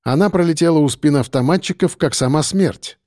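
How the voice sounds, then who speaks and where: Mellow-voiced male audiobook narrator. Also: on the high side, brisk, no room sound, studio quality. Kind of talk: first-person audiobook narration.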